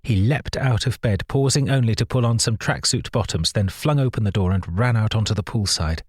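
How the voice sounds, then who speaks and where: A man narrating a suspenseful novel with a low, husky voice. His read is measured and tense, recorded close and dry with no room sound. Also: dry recording. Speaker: audiobook narrator. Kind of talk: first-person thriller narration.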